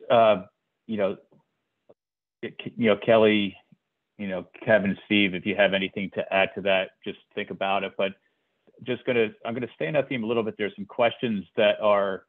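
Low-voiced moderator on a tinny call. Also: male voice, fairly even intonation, normal speed. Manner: casual, filler-heavy, turns to panelists by name. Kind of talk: panel discussion on a video call. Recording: tinny video call audio.

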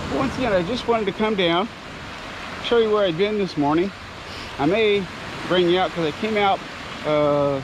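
Chatty older man on a beach. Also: fairly high pitch. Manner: chatty, rambling storyteller with playful puns. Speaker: teacher vlogger. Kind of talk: casual walking vlog narration. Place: outdoors on a beach at sunrise. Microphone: handheld action camera. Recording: surf noise behind. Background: ocean waves.

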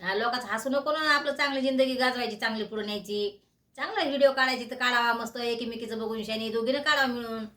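A middle-aged mother with a fairly high voice talks quickly, urging her daughters to stop fighting. She sounds weary and pleading, worn down by the quarrel. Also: a bit bright, reverberant. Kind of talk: pleading family talk.

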